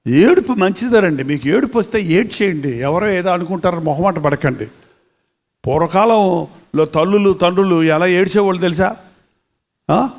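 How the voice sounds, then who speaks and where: High-voiced man preaching a sermon. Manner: dramatic, emphatic preaching with rhetorical questions. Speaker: pastor.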